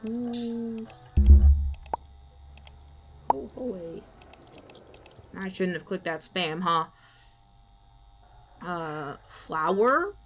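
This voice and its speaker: A young woman streaming a game from home, chatting casually, muttering and reading on-screen text aloud with quick reactions. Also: mid-range voice, expressive, background noise. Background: background music and keyboard typing.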